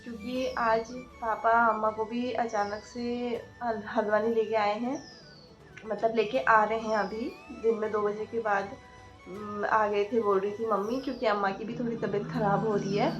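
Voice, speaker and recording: A woman's voice: medium pitch, level tone, normal speed, muffled recording, faint music behind. A young woman with a light lilt, chatting casually through a daily vlog at home and talking to her toddler now and then. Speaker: vlogger and mother. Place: indoors in a rented room.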